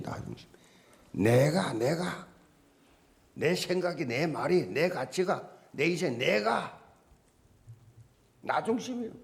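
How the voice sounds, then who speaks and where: A man's voice: mid-range voice, gravelly. A male pastor preaching a sermon with emphasis, firing off repeated rhetorical questions at the congregation.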